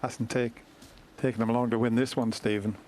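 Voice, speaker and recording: A man giving hushed, measured and understated live snooker commentary. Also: medium pitch, little pitch movement, slight background noise.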